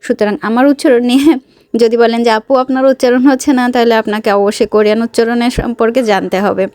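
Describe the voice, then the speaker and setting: A chatty woman with a Bangladeshi Bengali accent narrates her cooking step by step in a home kitchen. Her voice sits a little high, and her talk is easy and conversational, aimed at her viewers. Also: steady tone, fast, darkish tone. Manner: chatty, talks viewers through each step. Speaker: cooking and mukbang vlogger. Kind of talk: casual cooking narration to camera.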